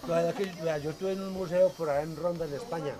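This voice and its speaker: A middle-aged Colombian man from Tuluá, Valle del Cauca, is interviewed casually at his hardware stall in a public market. His voice is a little high, with a steady tone and a fast pace, and he often repeats and rephrases himself. The busy indoor market crowd is audible behind him.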